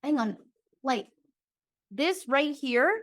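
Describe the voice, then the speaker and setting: A woman with a high voice, a guest on a video call, explains her points in a lively, emphatic way. She keeps checking in with "okay?" as she talks, and her tone stays casual and chatty. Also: takes it slowly. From Georgia, US. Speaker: podcast guest. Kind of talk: casual interview chat.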